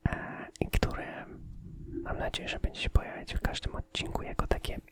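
A man giving a casual ASMR channel update in a soft, unvoiced whisper, phrasing things hesitantly. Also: normal speed.

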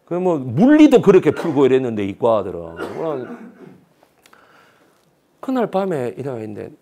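A man's voice: mid-range voice, measured pace. A man with a Busan Gyeongsang accent giving a history lecture as a story, acting out the voices of the people he quotes. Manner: animated, acts out quoted voices.

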